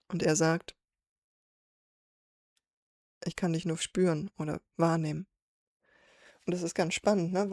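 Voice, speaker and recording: A woman's voice: lowish voice, darkish tone, no echo, clean studio sound. A woman hosting a song reaction, thinking aloud as she explains the lyrics line by line. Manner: thoughtful, reflective, with fillers. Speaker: reaction video host.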